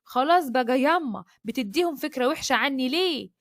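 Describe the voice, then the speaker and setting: Woman reading an outspoken young sister, loyal, high and quick. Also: animated, dry recording, studio quality. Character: lively loyal young Upper Egyptian sister.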